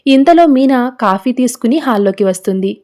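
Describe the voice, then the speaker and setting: A woman narrating a family serial recap in a mellow, warm voice, pitched a little high. She tells the scenes in a steady storytelling manner. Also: a little fast.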